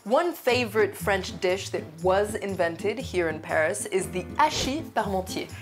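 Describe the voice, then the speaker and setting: A woman's voice: mid-range voice, lively intonation, measured pace. A woman hosting a travel food show, reading scripted narration and recipe steps. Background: background music.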